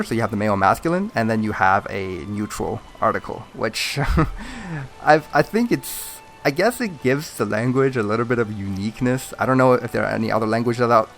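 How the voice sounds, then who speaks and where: A man's voice: medium pitch, gravelly, fairly bright tone, a little hiss or hum. A man hosting a gaming video, chatting in a rambling, friendly way with lots of fillers and chuckles. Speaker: gaming channel host. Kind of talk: casual chat over gameplay.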